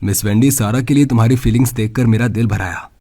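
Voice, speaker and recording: An actor playing a calm, confident young healer in a dubbed drama. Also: male voice, medium pitch, fast talker, a little hiss or hum, lightly acted. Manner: calm, assured. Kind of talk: Hindi dub of a drama series.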